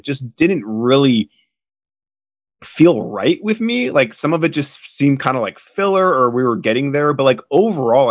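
A man co-hosting a podcast, giving measured, thoughtful opinions in casual chat. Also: medium pitch, dry recording. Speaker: podcast co-host.

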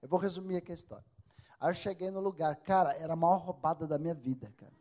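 A man with a Brazilian Portuguese accent, a comedian telling animated anecdotes full of swearing in casual chat. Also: fairly high pitch, fast talker. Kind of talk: casual storytelling.

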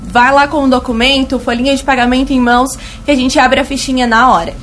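A woman's voice: high voice, level tone, fast, fairly bright tone, slight background noise. A woman with a thin, reedy, slightly cracked voice, chatting colloquially as a store representative promoting her shop in a radio interview. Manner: colloquial, fond of diminutives and emphatic repetition. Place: radio studio.

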